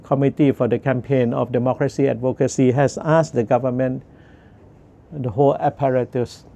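Mellow older Thai-accented man, measured commentary. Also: medium pitch, steady tone, vocal fry. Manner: earnest, deliberate, with pauses between short phrases. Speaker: political commentator. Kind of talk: measured monologue commentary to camera. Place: outdoors on a garden bench. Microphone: lapel microphone. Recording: outdoor ambient noise.

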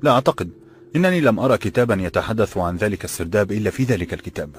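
A man voicing a calm, kind old bookseller who speaks formal classical Arabic, in a slightly raised voice. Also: fairly low pitch, very fast, slightly rough, faint music behind.

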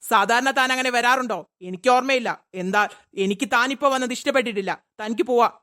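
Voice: mid-range voice, quick pace, bright, forceful tone, close to an everyday voice. A performer voicing a curt, irritable male office boss in a cartoon. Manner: curt, dismissive.

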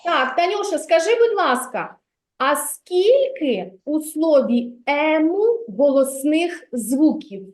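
A kindergarten teacher woman leading a literacy lesson, her voice high and her pace slow and deliberate. She is patient and encouraging and praises the little ones often. The sound carries the echo of a roomy classroom. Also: expressive.

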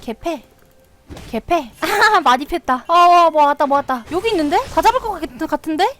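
A young woman with a very high voice gives live commentary while she plays a game. She chatters to herself and keeps breaking into excited shouts at the action. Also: moderate pace, soft background music. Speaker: game streamer.

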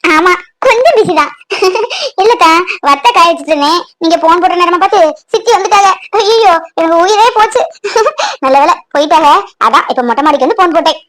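Cartoon bride-to-be, very high and soft, shy and emotional, voiced by a woman. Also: expressive, fairly quick. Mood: tender. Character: young village woman, orphaned, tender and emotional. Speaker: bride-to-be on the phone.

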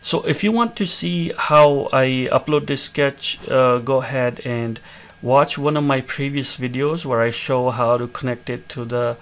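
A man hosting a screen-recorded coding tutorial, explaining each step in a relaxed way with many fillers. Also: medium pitch, a little slow, hardly any pauses. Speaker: tutorial host.

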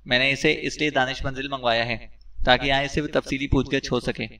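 A man voicing a shrewd male secret service chief who speaks briskly and gives orders. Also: medium pitch, little pitch movement, pushed and bright, recorded from a distance, rough recording. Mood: thoughtful. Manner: brisk and commanding.

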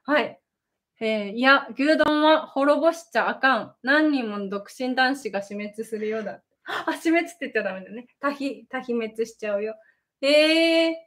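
A young woman from Japan talks casually on her home livestream with a high voice. She reads viewer comments aloud and laughs easily. She fills her talk with many little fillers. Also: animated, moderate pace, a bit bright. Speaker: livestream host, idol. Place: home in Sendai.

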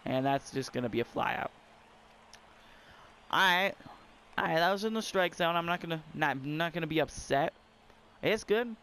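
A young man giving casual, excitable commentary while playing a baseball video game and talking to his viewers. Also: a little high, moderate pace, pauses often, clear, resonant tone. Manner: excitable, talks to viewers and the screen. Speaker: gamer.

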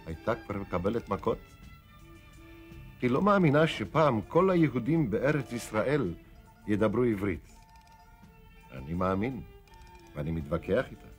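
A man's voice: mid-range voice, lightly acted. An actor playing an earnest middle-aged man narrating from his boyhood diary in a television drama. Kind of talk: dramatic first-person narration.

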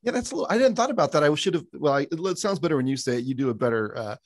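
A man's voice: on the high side, expressive, rapid-fire, no echo. A man co-hosting a business webcast, joking with his partner and reading a sponsor message in long lists. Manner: jokey, reads ad copy in long lists. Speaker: podcast co-host.

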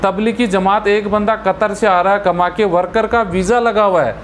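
A man's voice: high voice, steady tone, normal speed, a little hiss or hum. A man in his thirties talking straight to the camera with a lapel mic in a small room, earnestly and indignantly explaining a case while gesturing with his hands. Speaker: vlogger giving legal and travel advice. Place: small room in front of a red curtain. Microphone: clip-on lapel mic.

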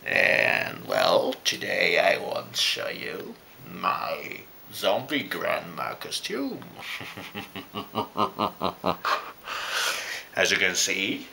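A man speaking through a face mask while casually reviewing a costume, halting often with pauses. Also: deep voice, vocal fry, bright, forceful tone, a little hiss or hum. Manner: halting, with frequent "well" pauses. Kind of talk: casual product review vlog.

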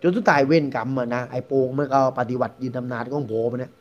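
A man's voice: mid-range voice, fairly even intonation, fast talker. A man with a Southern Thai accent telling a ghost story in a chatty, rambling, conversational way. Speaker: guest storyteller. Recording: dull lo-fi recording.

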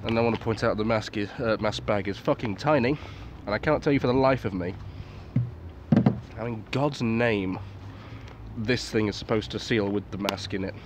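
A man with a fairly low voice talks through a military surplus gas mask at a moderate pace, casually and without a script. He stays understated, curses, and mutters asides. The noisy recording comes from a garden at night.

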